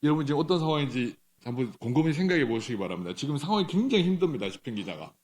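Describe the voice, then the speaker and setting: A middle-aged man preaching a sermon in a church, speaking conversationally, asking the congregation questions, with some halting restarts. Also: mid-range voice, big pitch swings, darkish tone. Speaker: pastor. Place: church sanctuary.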